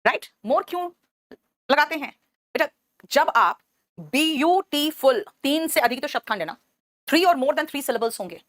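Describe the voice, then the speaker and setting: A woman teaching English grammar to an online class, with a fairly high voice. She explains patiently, addresses students by name and as "beta", and keeps asking "right?" to check they follow. The sound is close and very dry, with no room echo. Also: a bit bright.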